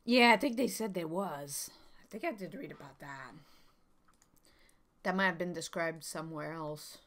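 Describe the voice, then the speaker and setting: A lower-voiced woman talks casually through a board game on a live stream, thinking aloud with plenty of fillers and little laughs. She sounds relaxed and a bit scattered as she checks the rules. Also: moderate pace. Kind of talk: casual chat while learning a board game.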